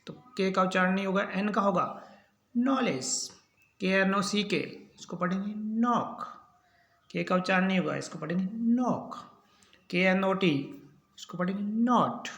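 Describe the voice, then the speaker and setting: A man teaching English pronunciation in a slow spelling lesson, spelling out each word letter by letter and then repeating how it is said. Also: sits high, flat delivery, vocal fry, a bit bright, echoey room.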